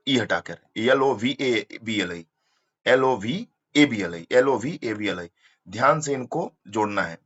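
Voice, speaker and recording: A man's voice: mid-range voice, a bit bright. Guy teaching english, spells stuff out letter by letter, kinda dull lo-fi audio. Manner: explains step by step, spells words letter by letter. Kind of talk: exam-prep lesson.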